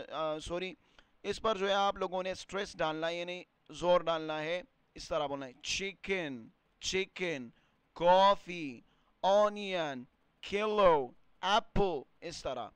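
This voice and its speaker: A man teaching a beginner English lesson, explaining in Urdu and repeating words and phrases slowly for learners. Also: high voice, fairly bright tone, clear, resonant tone, no echo.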